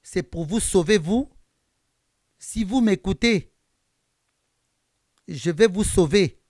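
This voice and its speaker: A man's voice: high-pitched, slow pace, darkish tone, no echo, studio quality. A man quoting an anonymous woman caller who pleads with him insistently at night. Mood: pleading.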